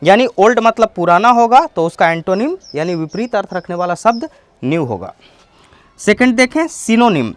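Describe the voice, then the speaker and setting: A man's voice: high voice, lively intonation, moderate pace. A man teaching English vocabulary, explaining each term and then restating it in simpler words. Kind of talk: bilingual vocabulary lesson.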